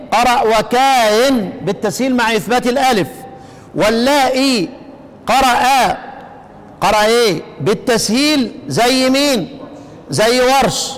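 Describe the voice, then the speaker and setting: A man with an Egyptian accent teaches a lesson. He asks the class questions, answers them himself, and chants the verses slowly. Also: very high-pitched, in a large hall. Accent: Egyptian Arabic. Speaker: Quran recitation teacher. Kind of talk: classroom lesson explaining a text.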